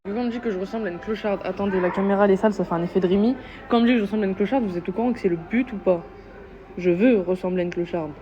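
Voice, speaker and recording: A woman's voice: mid-range voice, racing. A young woman chatting casually and playfully to her viewers in a vlog, filmed on a handheld phone. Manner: chatty, slangy and playful, asks viewers' opinions. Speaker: vlogger. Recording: dull lo-fi phone audio with music behind.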